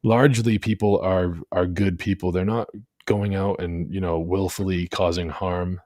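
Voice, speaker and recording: Deep-voiced man hosting a casual chat. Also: little pitch movement, normal speed, mellow, no room sound, studio quality. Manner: rambling, many restarts and fillers. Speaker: host.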